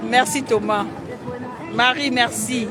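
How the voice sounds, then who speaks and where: Live-streaming from a busy city square, a Cameroonian male host greets viewers by name in a chatty, teasing manner. His very high voice holds a steady tone at a slow pace, while street crowds and music play behind him.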